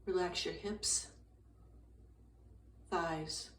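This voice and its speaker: A woman with a lowish voice leads a guided meditation, giving slow, soothing instruction in a calm, gentle, unhurried manner with long pauses between short phrases. The mic sits at a distance, so the room echoes and there is faint background noise.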